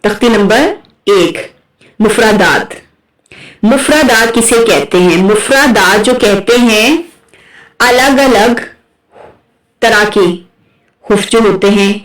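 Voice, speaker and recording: A woman teaching Quran recitation, explaining letter sounds patiently and drawing them out slowly as she models them. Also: on the high side. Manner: patient, often checks with "right?", draws out sounds slowly when modelling. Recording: echoey room, voice from a distance.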